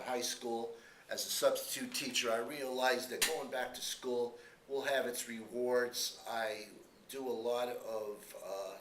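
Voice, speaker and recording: A man in his fifties answering questions in a student news interview, speaking earnestly and haltingly and repeating his phrases. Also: medium pitch, fairly bright tone. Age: 50s. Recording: roomy echo, faint background noise.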